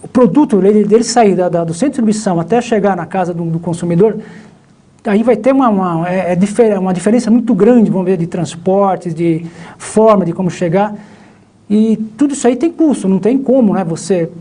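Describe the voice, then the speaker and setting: A man's voice: high-pitched, brisk, dark tone. A male professor with a Brazilian Portuguese accent, explaining logistics in a live online class, rambling with many restarts. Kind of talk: live online lecture chat.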